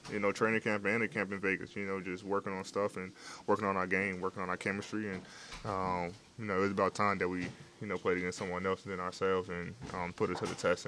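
A man's voice: sits low, fairly bright tone, a little hiss or hum. A young man, a basketball player, answering reporters' questions in a locker room after a game, laid-back and full of fillers. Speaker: basketball player at postgame interview. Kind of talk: postgame press interview. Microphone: several handheld reporter mics.

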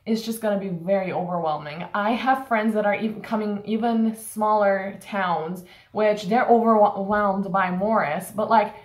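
In a small indoor room that sounds roomy, a young woman from Turkey vlogs a frank complaint session as a college student. Her mid-range voice is steady and a little slow, with few pauses and lots of fillers.

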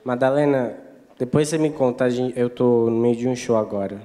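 A man's voice: mid-range voice, steady tone, fairly quick, dark tone. A man on stage in a comedy hypnosis show, chatting absorbed into an imagined phone call. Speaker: show participant. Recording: distant echoey theater sound.

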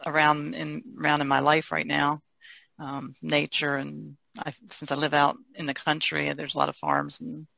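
A painter from the Chesapeake Bay region of the United States is interviewed in a casual, easygoing chat. Her low, gravelly voice is bright and forceful, moving at a normal speed with no echo.

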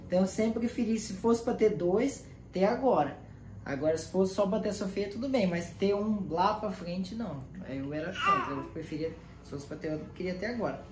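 A young Brazilian man casually explaining his point of view in a relaxed way, with many fillers. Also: sits high. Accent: Brazilian Portuguese. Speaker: vlogger. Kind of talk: casual chat. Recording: roomy home video with faint noise.

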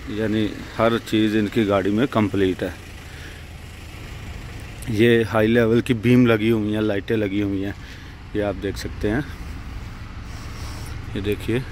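Young male vlogger, low even voice, phone mic outdoors, street noise behind. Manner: casual, showing things to the viewer. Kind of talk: casual vlog narration. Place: outdoors at night by a roadside.

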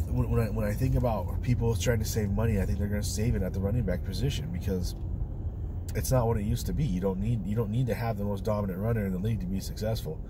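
A man in his thirties talks while driving, rambling and blunt. His voice sits a little low. He is caught by a phone on the dashboard some way off, with loud road noise under every word. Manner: opinionated, rambling, blunt and profane. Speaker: vlogger. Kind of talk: casual talk while driving. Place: inside a car on the road. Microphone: phone camera on the dashboard. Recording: distant in-car audio with loud road noise. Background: car and road noise.

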